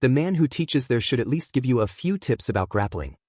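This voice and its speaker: A man's voice: mid-range voice, big pitch swings, a little fast, darkish tone, no room sound, clean studio sound. A man reading the part of a tough martial arts master who talks in a somber, heavy way. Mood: sick.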